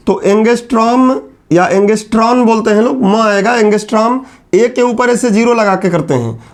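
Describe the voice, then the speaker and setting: High-voiced man teaching at a board. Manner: explains step by step, asks and answers his own questions. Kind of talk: classroom lecture.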